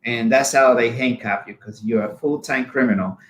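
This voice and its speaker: A man's voice: mid-range voice, normal speed, roomy sound, slight background noise, rough recording. A man in his forties from Honduras, speaking English with a Spanish accent, earnestly telling his life story as a guest with frequent fillers. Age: 40s. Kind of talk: personal storytelling.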